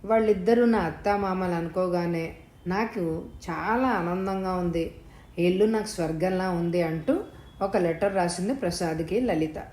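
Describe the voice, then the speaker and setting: A woman narrating a novel episode in a calm, even storytelling manner. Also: fairly low pitch, moderate pace. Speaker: audiobook narrator. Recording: roomy echo.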